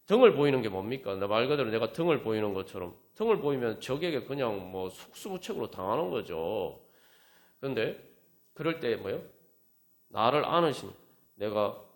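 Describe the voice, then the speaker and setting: A man's voice: mid-range voice, gravelly. A man preaching as pastor at a Friday prayer meeting, talking conversationally and prodding his listeners with rhetorical questions. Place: church sanctuary. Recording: echoey church room with faint instrument music.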